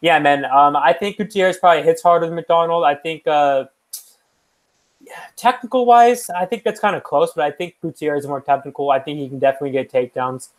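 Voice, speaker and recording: A man's voice: fairly high pitch, brisk, low-quality recording. Rambling young man making fight picks. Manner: rambling, with many fillers and restarts. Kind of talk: casual chat.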